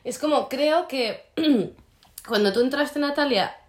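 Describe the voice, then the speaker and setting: A woman's voice: sits high, takes it slowly. A woman, chatting casually as a podcast co-host and acting out quotes as she tells stories. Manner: animated storytelling with acted-out quotes. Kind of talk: casual chat among coworkers. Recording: echoey room.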